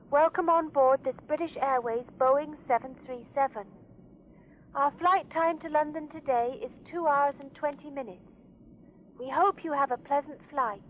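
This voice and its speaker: A woman making polite, formal cabin announcements over a plane's intercom. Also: high-pitched. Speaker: flight attendant. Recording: tinny intercom with faint noise.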